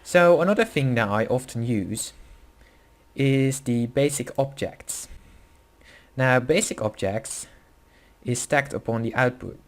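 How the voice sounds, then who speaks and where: Hosting a beginner coding tutorial recorded on screen, a young Dutch man speaks English, his second language, with a Dutch accent. His ordinary middle-pitched voice is expressive, and his casual, halting delivery is packed with fillers and quick self-corrections.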